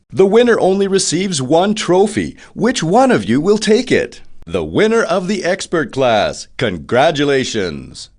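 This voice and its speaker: In a video game, a man voices an excitable TV reporter who interviews race winners with showy announcer flair. His mid-range voice sounds excited.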